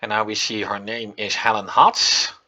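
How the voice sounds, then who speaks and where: A man's voice: fairly low pitch, flat delivery, normal speed, bright, forceful tone. A man giving casual let's-play commentary on an old adventure game, reading its text aloud between chatty asides full of fillers. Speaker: gameplay commentator.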